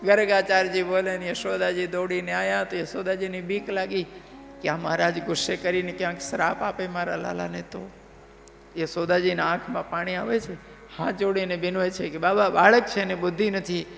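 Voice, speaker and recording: Animated preacher man, gravelly voice, sermon in a reverberant hall with faint music. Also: high voice, normal speed. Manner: animated, checks in with listeners. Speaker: religious storyteller. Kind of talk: devotional sermon storytelling.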